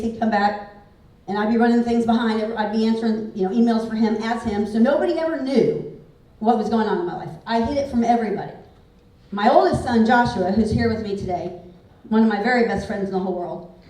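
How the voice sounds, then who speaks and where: A woman in her forties gives a candid, conversational motivational talk, peppering it with "like." Her voice sits a little high. She is picked up from a distance in a very echoey hall. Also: dark tone. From Houston, Texas. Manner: candid, conversational, frequent "like" fillers. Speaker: real estate speaker. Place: large event hall.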